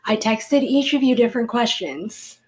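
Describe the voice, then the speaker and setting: A woman's voice: on the high side, animated, moderate pace. A young adult woman hosting a podcast, talking in an upbeat, chatty way with frequent fillers. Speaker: podcast host. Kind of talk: casual podcast chat.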